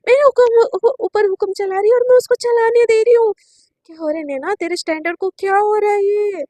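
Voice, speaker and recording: A woman's voice: very high voice, fairly even intonation, fast, no room sound. A woman voicing a proud young female boss who scolds in indignant outbursts, her voice raised above her narration. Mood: incredulous. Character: haughty young woman boss, quick to take offense.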